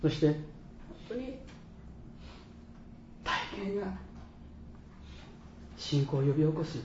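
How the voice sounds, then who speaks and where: A man preaching a sermon as a pastor, an earnest storyteller who pauses and acts out quoted voices. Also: a little high, sing-song, a little mellow, echoey room, dull audio, slight background noise.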